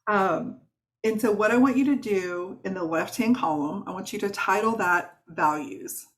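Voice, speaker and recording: A woman's voice: mid-range voice, moderate pace. A woman with a Southern accent leading a live online workshop as a wellness coach, chatty and encouraging, with fillers and restarts.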